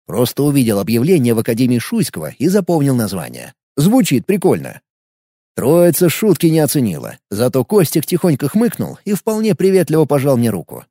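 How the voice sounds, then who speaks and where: A man's voice: mid-range voice, wildly swooping pitch, fairly quick, dark tone, no echo, studio quality. A man narrating an audiobook in first person, with an ironic storytelling manner.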